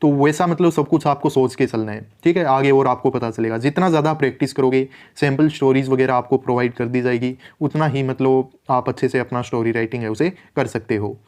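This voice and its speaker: A man coaching exam candidates, talking in a relaxed, conversational way. He drops English terms into his explanations and slows down to read out the rules. His pitch sits in a middle range. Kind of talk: instructional explainer.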